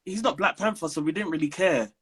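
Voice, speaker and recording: A man being interviewed as a guest preacher, talking in a playful, animated way and laughing easily. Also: fairly high pitch, quick pace. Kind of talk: casual interview.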